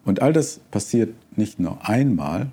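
Slow, husky-voiced male preacher. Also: fairly low pitch, expressive, dark tone. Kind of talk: sermon with story reading.

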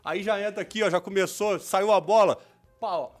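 Brash Rio party guy, as a man puts him on, rapid slang bragging, highish voice. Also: faint music behind, close to an everyday voice. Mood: boastful. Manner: slangy swaggering banter, beatboxing funk beats. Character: brash carioca-style party guy from Petrópolis, loud. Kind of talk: comedic character bit on a podcast.

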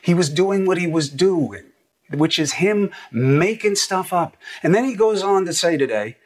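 A man's voice: high voice, expressive, unhurried. A middle-aged man delivering emphatic, sarcastic opinion commentary as a news anchor.

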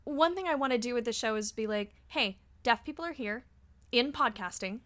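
A woman in her thirties, a podcast guest in casual chat, animated, laughing often and swearing freely. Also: a little high, a little fast. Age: 30s.

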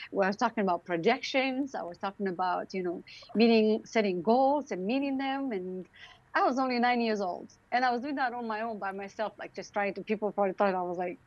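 A founder and CEO being interviewed, this middle-aged Romanian-accented woman speaks at medium pitch, telling her own story earnestly and emphatically and repeating phrases for stress. The recording has its highs cut off.

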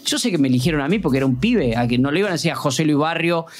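A man in his fifties with an Argentine Rioplatense accent, a sports journalist who tells anecdotes as a podcast guest, animated and fond of rhetorical questions. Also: a little high, racing. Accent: Argentine Rioplatense Spanish. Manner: animated, uses rhetorical questions and acts out quoted dialogue. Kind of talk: conversational storytelling in a podcast interview.

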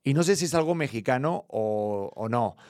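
A man's voice: mid-range voice, lively intonation, normal speed, darkish tone, no echo. Easygoing Spanish man, dry close sound. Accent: Spanish (Spain). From Spain. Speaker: podcast co-host. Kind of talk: casual chat.

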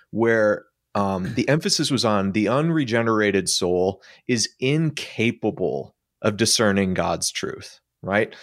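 A man talking through ideas in a relaxed, thoughtful way, using frequent fillers. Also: fairly low pitch, dry recording, clean studio sound. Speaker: podcast guest. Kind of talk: casual conversational discussion.

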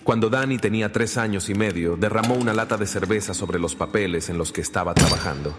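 Audio drama flashback: a man as a regretful father, slow heavy confession, very low voice, drenched in distant echo. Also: very noisy. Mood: remorseful. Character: remorseful father recalling his drinking past. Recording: long reverb over loud music.

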